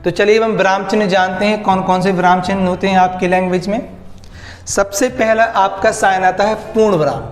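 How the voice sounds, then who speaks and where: A man explains a grammar lesson and keeps repeating key words back to his students as questions. His voice sits high, and it rings in a roomy, echoing space with faint music behind it. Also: steady tone, fairly quick. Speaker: teacher. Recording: echoey room with faint music.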